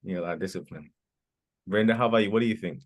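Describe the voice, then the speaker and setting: A man with a very low, deep voice leads an English class from the United States. He is encouraging and echoes his students' answers back to them. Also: rapid-fire. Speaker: English teacher. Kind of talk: online class Q&A.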